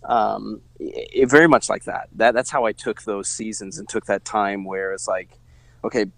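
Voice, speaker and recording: Man, from Missouri, low voice, dry sound, reflective, rambling, casual faith conversation. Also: steady tone, normal speed, vocal fry, dry recording. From Missouri, USA. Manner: reflective, rambling with many fillers and restarts. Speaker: interview guest.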